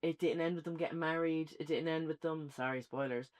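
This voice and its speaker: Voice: medium pitch, fairly even intonation, brisk. An Irish-accented co-host in a casual film review chat, musing and hesitant, with many fillers.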